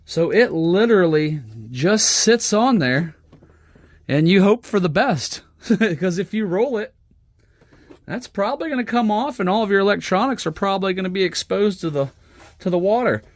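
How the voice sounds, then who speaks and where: A hobbyist presenter gives a casual, unscripted show-and-tell, thinking aloud as he works, filmed on a smartphone camera at his workbench. His high voice has lively intonation and a moderate pace, with no echo.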